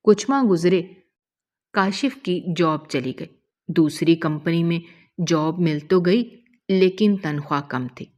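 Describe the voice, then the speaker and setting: A woman narrates an emotional family story with a low, deep voice. Her telling is measured and moralizing, pausing on lessons. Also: darkish tone.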